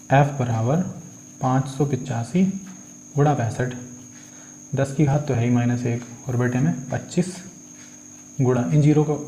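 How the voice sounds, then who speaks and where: Male physics tutor, mellow tone, coaxing self-questioning delivery, echoey room with faint crickets. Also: mid-range voice, a little hiss or hum. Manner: coaxing, asks and answers his own questions, calls students beta. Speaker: physics teacher. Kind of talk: working numericals step by step.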